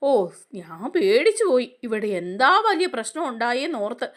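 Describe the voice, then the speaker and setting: A woman's voice: a little high, very animated, normal speed, voice pushed down. A woman voicing a scheming middle-aged uncle who insistently waves off the family's plans.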